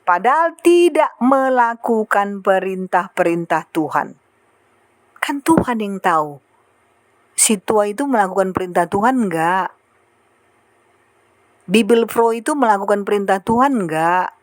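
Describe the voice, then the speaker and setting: A woman preaching a sermon in an animated way, acting out the prayers and remarks she quotes. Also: medium pitch, a little slow, pauses often, dry recording.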